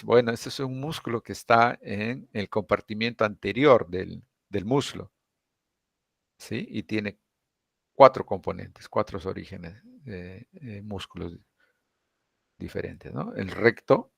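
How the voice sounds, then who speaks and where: A man teaching an introductory anatomy class, explaining step by step and often checking in with quick tag questions. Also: fairly low pitch, vocal fry, a bit bright, dry recording, clean studio sound. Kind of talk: lecture.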